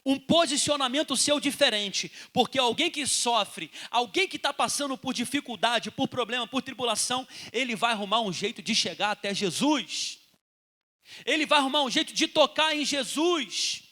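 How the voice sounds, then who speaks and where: A male pastor with a Brazilian Portuguese accent preaching a sermon, urging loudly and dropping to a hush for quoted lines. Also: extremely high pitch, expressive, moderate pace. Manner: impassioned preaching, swinging between loud urging and hushed quotes.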